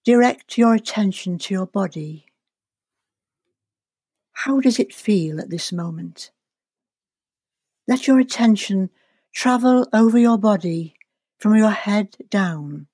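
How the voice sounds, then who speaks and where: A woman guides a relaxation and visualization at a very unhurried pace. She is calm and soothing, placing each phrase deliberately and leaving space after it. The sound is close and dry. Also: medium pitch, slightly rough, no room sound. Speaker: guest leading a guided meditation.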